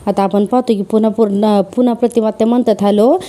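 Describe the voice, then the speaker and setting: A woman recaps a serial episode with lively storytelling and lots of fillers. Her voice sits a little high and sounds quite dark and mellow. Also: quick pace.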